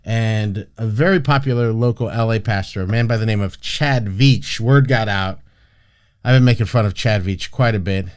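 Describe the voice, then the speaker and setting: A man's voice: lowish voice, moderate pace, clear, resonant tone. A man hosting a casual podcast, brash and profane, rambling with frequent restarts and fillers. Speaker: podcast host.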